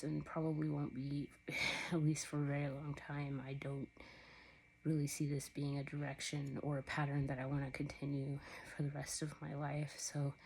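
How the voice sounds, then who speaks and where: A woman's voice: low voice, darkish tone, a little hiss or hum, rough recording. A young woman talking candidly to her camera in a sunny upstairs room at home, rambling and out of breath. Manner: rambling, candid, laughs between thoughts. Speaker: vlogger. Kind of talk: casual personal talk to camera.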